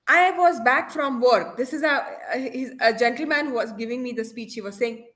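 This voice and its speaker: A woman speaks from home in a slightly high voice. She gives a motivational talk that slides between English and Hindi. She tells it as an animated story and keeps checking in with her listeners. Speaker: guest speaker.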